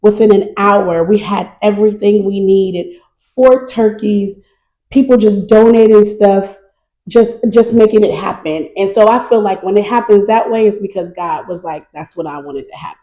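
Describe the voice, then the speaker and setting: A middle-aged woman from North Carolina, chatting lively and easily as an interview guest. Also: mid-range voice, moderate pace, low-quality recording. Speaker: guest, nonprofit founder. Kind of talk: casual interview chat.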